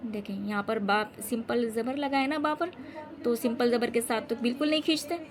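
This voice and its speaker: A woman teaching Quran reading in a recorded lesson, explaining quickly and then reciting each word slowly and drawn out. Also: on the high side.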